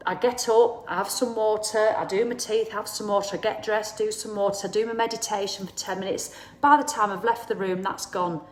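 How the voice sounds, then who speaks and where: A woman's voice: mid-range voice, roomy sound. A woman, talking casually and bluntly to viewers as the host, acting out the people she quotes. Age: 50s. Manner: chatty, blunt, swears, acts out quoted people. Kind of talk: casual live talk to viewers.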